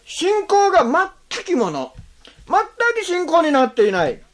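A pastor delivers a sermon with an extremely animated, swooping pitch. The preacher keeps putting questions to the listeners and drops short tag words between phrases, drawing out key words and then hurrying through the explanations. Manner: rhetorical questions to the congregation; slows on key phrases, speeds up when explaining.

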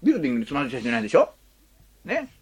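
A man's voice: on the high side, huge pitch swings, very fast, breathy edge. A man preaching a sermon as pastor, chatty and folksy, often asking the congregation questions and adding little tags.

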